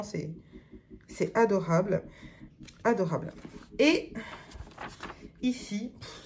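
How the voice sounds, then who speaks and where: A woman's voice: medium pitch, darkish tone, slight background noise. A woman vlogger chatting casually through an unboxing, hesitant with many fillers and restarts. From France.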